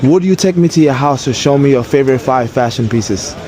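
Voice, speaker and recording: A man's voice: medium pitch, fairly quick, dark tone. Hyped, slangy male vlog host. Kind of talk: casual vlog chat.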